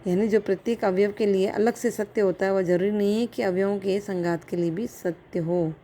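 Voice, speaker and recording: A woman's voice: medium pitch, steady tone, moderate pace, mellow, slight background noise. A woman philosophy lecturer giving a recorded college lecture, explaining step by step with examples and checking in with her students.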